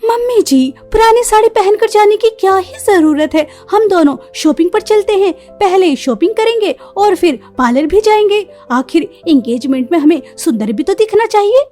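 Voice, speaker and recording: A woman voicing a spoiled, lazy rich young daughter-in-law in a cartoon story, with a sugary, flattering way of talking. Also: very high-pitched, normal speed, few pauses.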